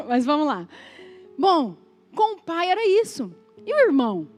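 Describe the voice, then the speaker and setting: A Brazilian woman pastor with a high voice delivers a sermon in a lively, conversational manner, talking directly to her listeners. She is recorded in a church with faint music in the background. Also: a little slow. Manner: animated, conversational preaching with asides and laughter.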